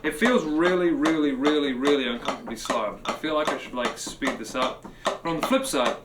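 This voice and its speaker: A man's voice: on the high side, a little fast, heavy background noise. A man who teaches drums, chatting casually on a live stream while practicing, musing aloud and chanting counts and drum syllables. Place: room with drum kit. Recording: roomy live stream with loud clattering percussion.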